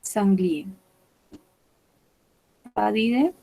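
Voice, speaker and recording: A woman gives a French vocabulary lesson. She speaks very slowly, spelling out each word and repeating it for the class. Her voice sits at an ordinary middle pitch. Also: animated, vocal fry, mellow. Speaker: French teacher.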